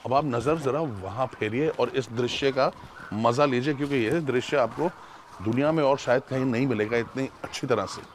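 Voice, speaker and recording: A middle-aged man hosting a travel show outdoors, earnest and sometimes hushed, speaking on a lapel mic with bird calls and outdoor noise behind him. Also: medium pitch, normal speed. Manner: earnest, hushed at times, moralizing. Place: outdoors at a desert bird site. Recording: outdoor noise, birds calling.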